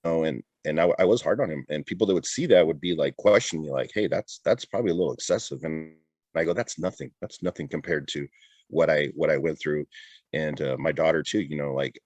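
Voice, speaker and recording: A man's voice: a bass voice, brisk, darkish tone, no echo. A middle-aged man talking candidly in a casual interview, often repeating and restarting his words. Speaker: interview guest, retired border patrol agent.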